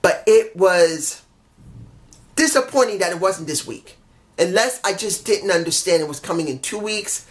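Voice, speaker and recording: Stuffed up with a head cold and feeling under the weather, a man reviews a wrestling show on his own in a high-pitched, animated voice at a moderate pace. The talk is casual and rambling, full of self-corrections, apologies for mix-ups, and grumbled, frustrated asides.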